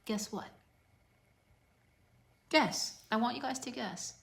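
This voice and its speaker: A woman's voice: a little high, slow, gravelly, a bit bright. A woman fitness coach giving an emotional motivational talk on a livestream, repeating key lines and dropping to whispers for emphasis.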